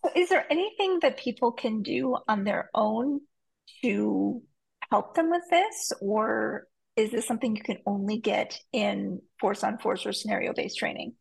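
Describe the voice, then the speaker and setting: A woman's voice: on the high side, unhurried, gravelly, slightly rough, rough recording. A woman hosting an interview and asking short, direct questions. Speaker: interviewer, podcast host.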